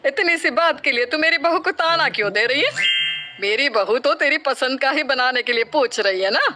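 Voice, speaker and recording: A woman's voice: sits high, animated, normal speed, bright, forceful tone, slight background noise. A woman voicing a kind older mother-in-law in a cartoon story, soothing and motherly. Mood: defensive. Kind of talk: cartoon voice acting.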